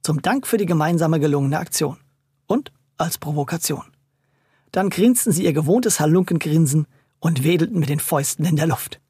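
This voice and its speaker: Husky, dry-sounding children's story narrator. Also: mid-range voice, no room sound. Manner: lively, playful storytelling.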